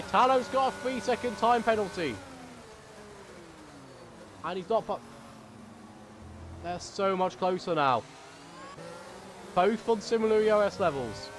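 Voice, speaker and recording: A man commentating a sim racing league race, excitable at big moments and later deliberately subdued. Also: high-pitched, a little hiss or hum.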